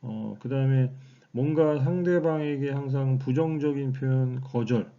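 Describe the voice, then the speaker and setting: A man's voice: medium pitch, unhurried, dark tone, highs cut off. A man teaching a recorded online class, explaining step by step with frequent fillers and rhetorical questions. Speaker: lecturer.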